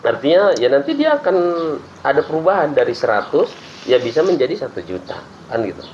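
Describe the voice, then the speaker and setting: A man who teaches religion, explaining Islamic ideas in a relaxed podcast chat and acting out prayers as he talks. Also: medium pitch, fairly quick, slight background noise, rough recording. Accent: Indonesian. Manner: lively explaining with acted-out prayers and laughs.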